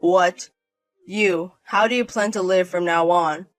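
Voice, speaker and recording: A man's voice: high-pitched, steady tone, a little slow, fairly bright tone, dry recording, faint music behind, poor audio. A man voicing a self-centered husband in a drama, sounding flustered and pleading.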